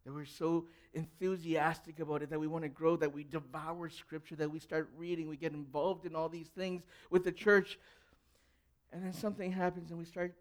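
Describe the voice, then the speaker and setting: A young adult male pastor, raised in an English-speaking country though Cantonese was his first language, delivers a conversational sermon and puts questions to the congregation. His voice sits on the high side with little pitch movement, at a moderate pace.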